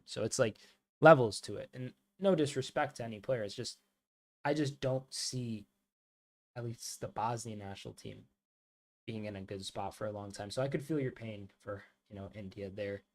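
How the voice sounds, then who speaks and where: An American man hosts a live football watchalong, rambling loosely with lots of "like" and calling viewers mate and bro. His voice sits on the low side with a darkish tone.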